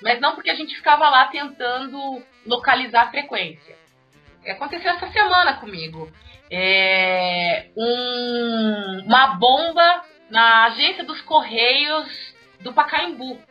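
A Brazilian woman casually telling newsroom anecdotes, acting out the dialogue with lively jumps in her voice. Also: measured pace. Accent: Brazilian Portuguese. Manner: animated, acts out dialogue with sharp pitch jumps. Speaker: newsroom radio monitor. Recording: muffled audio with faint music.

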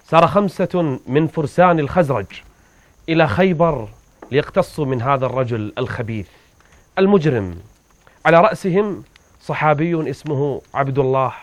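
A man's voice: medium pitch, dry recording. A man preaching in a vivid, dramatic storytelling manner as he recounts a religious history.

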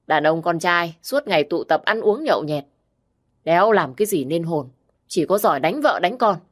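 A woman voicing a fierce, sharp-tongued young village woman who scolds bluntly. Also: on the low side, lively intonation, moderate pace. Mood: scolding.

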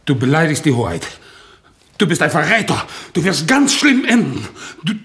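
An actor playing a crippled, devout war veteran on crutches who speaks in an earnest, excitable, stiffly dutiful way, in a 1960s radio drama. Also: male voice, mid-range voice, measured pace. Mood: zealous.

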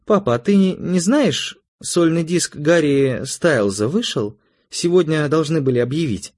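A man voicing an eager, pouty teenage daughter in an audiobook, raising his voice high and sounding excited and whiny. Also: unhurried. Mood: pleading. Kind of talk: audiobook character voice.

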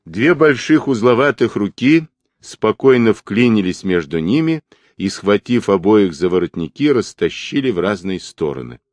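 A man narrating a novel in an audiobook with lively, dramatic phrasing. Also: lowish voice, normal speed, dry recording. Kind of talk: expressive literary reading.

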